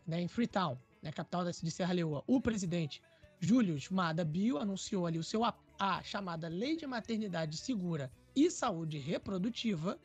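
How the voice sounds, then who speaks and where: A man's voice: high-pitched, animated, normal speed, breathy edge, faint music behind. A Brazilian man co-hosting a podcast, discussing news casually and hesitantly, with many fillers. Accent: Brazilian Portuguese. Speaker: podcast co-host.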